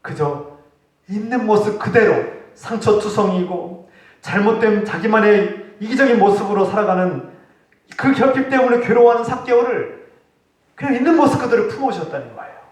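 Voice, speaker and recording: A man preaching a sermon as pastor, his voice rising for pointed rebukes and falling for quiet points. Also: high voice, lively intonation, normal speed. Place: church sanctuary. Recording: echoey hall, distant mic.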